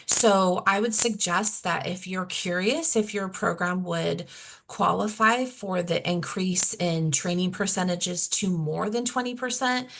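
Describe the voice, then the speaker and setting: Woman on a webinar call, kinda low gravelly voice that's going hoarse, walks through budget rules. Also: a bit bright, slight background noise. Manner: plain, explanatory, self-correcting. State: losing her voice, clearing throat. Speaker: grant program presenter. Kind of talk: technical assistance webinar.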